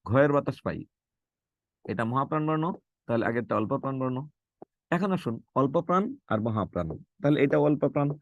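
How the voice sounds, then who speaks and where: A man's voice: mid-range voice, animated, brisk, dry recording, dull audio. A middle-aged man, a teacher, giving an online lecture on Bengali phonetics, saying letters aloud and putting questions to his students. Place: online class, live with students.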